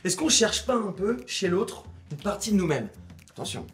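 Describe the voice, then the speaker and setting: A young man co-hosting a casual, jokey chat, playful and quick to tease. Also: high-pitched, big pitch swings, faint music behind. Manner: playful, jokey, breaks into song. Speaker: co-host.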